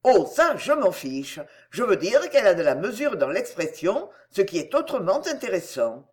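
A woman's voice: mid-range voice, big pitch swings, moderate pace, darkish tone, close to an everyday voice. A woman voicing an enthusiastic, opinionated male theatre manager in a read-aloud story. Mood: appraising.

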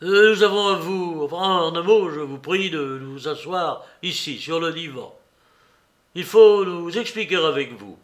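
A man's voice: high-pitched, expressive, bright, forceful tone, pitched above the performer's own voice, full character voice. A man doing a hasty young magistrate. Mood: flustered. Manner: important yet rushed. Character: young bespectacled investigating magistrate, self-important but hurried.

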